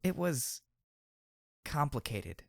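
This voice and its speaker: A man reading an audiobook, voicing a blunt, scrappy young mare who talks in a halting, questioning, informal way. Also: a little high, sing-song, vocal fry, no room sound, clean studio sound, pitched above the performer's own voice, heavily acted. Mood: curious, blunt.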